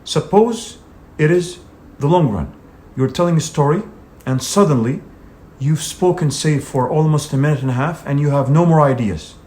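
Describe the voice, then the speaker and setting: Emphatic male exam coach, slightly high voice. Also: normal speed, a little mellow. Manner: emphatic, direct coaching with many "you know" fillers. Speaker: English exam teacher. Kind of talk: instructional video lesson.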